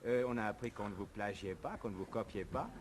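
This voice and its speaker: A man's voice: lowish voice, steady tone, quick pace. A man presenting and interviewing in a wry, teasing, polished broadcast manner. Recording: 1950s broadcast recording with clear hiss.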